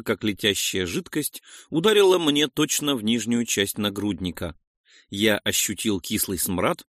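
A male audiobook narrator tells a first-person action story with a lively, rising and falling delivery. The recording is close and dry, with no room around the voice. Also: medium pitch, dry recording. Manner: lively, expressive reading.

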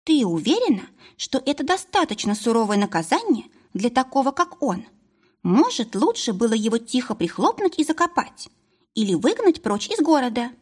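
A woman's voice: a little high, very animated, moderate pace, darkish tone, husky, voice pushed up. A woman voicing a sly, sardonic companion with a mock-casual manner, in an audiobook. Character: sardonic companion urging harsher punishment. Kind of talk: audiobook character voice.

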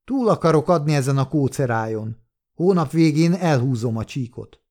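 A man reading the part of a sly male shop owner, secretly a police detective, with a calm, mocking self-assurance. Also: on the high side, close to an everyday voice. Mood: sly, cool.

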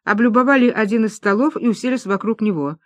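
A lively storyteller reading a novel aloud, slipping into each character's dialogue as it comes. The voice sits at an ordinary middle pitch and is recorded close and dry, with no room sound around it. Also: fast, dry recording. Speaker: audiobook narrator. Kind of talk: scripted narration.

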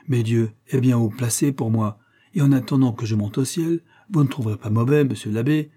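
A male reader voicing a young noble gallant in love, speaking in a lively, playful way. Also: mid-range voice, lightly acted.

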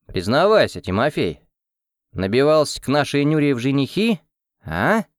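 A man reading an audiobook, voicing a gruff older husband who brushes off gossip and teases. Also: medium pitch, very animated, a little fast, darkish tone, dry recording, clean studio sound, voice pushed up. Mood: teasing. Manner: dismissive, jokey.

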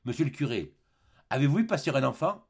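A man voicing a weary, tormented grown convict with gruff, harsh outbursts in a storybook reading. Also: mid-range voice, sing-song, fairly quick, a little mellow, pitched above the performer's own voice. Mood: anguished.

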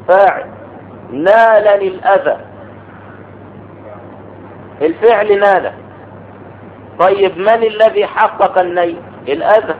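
A man teaching an Arabic grammar lesson, explaining step by step and asking the class questions. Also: sits high. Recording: tinny phone-like recording with faint noise.

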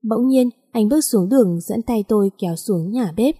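A woman's voice: mid-range voice, moderate pace, mellow, husky. A woman reading a first-person romance story aloud in a plain, conversational storytelling manner. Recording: long echoing reverb.

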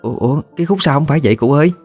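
A man voicing a lively, curious young woman with a Southern Vietnamese accent who asks quick, eager questions. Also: mid-range voice, soft background music, pitched above the performer's own voice, close to an everyday voice.

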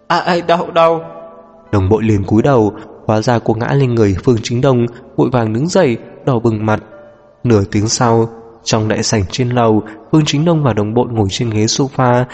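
A male narrator reading an audiobook in a steady, even manner, with a voice of ordinary pitch. A long reverb trails his words and faint music plays beneath.

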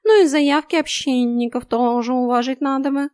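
Brief: woman doing a smug, high, loud old house cat in a storybook reading, all condescension and snark. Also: steady tone, normal speed, clean tone, no room sound, studio quality, close to an everyday voice. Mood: grumbling. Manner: sneering, condescending, snappy. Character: cheeky arrogant old male house cat.

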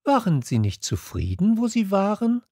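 A man reading an audiobook and voicing a gentle, curious little boy prince with earnest, wondering questions. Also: high-pitched, wildly swooping pitch, moderate pace, no room sound, studio quality, voice pushed up, exaggerated voice. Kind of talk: audiobook character voice.

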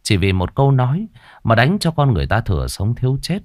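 A man narrating an audio story with expressive, emotive delivery. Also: mid-range voice, quick pace, dry recording, studio quality.

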